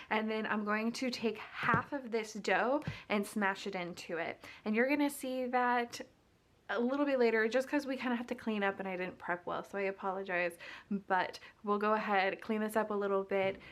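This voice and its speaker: A woman's voice: medium pitch, fairly bright tone. A young woman with the hiccups hosting a casual cooking vlog, chatty, giggly and self-deprecating as she works. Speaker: cooking vlogger.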